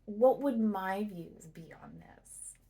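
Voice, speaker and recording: Speaking to camera, a woman offers a relaxed, thoughtful book review, her phrases separated by pauses. She sounds animated, with a mid-range voice and a dark tone.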